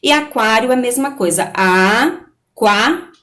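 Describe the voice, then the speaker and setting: A patient woman teacher walks young pupils through a lesson, step by step, often pausing to check they follow. Her voice sits a little high, and the room around her is echoey. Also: animated. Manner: patient, repeats "né?" and "tá certo?" often. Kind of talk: recorded online class.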